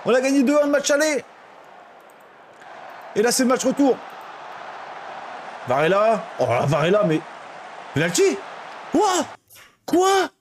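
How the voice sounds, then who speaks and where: Excitable high-voiced streamer man. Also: moderate pace, long pauses, a little hiss or hum. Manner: excitable, swings from shouting to muttering. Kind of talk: live game commentary.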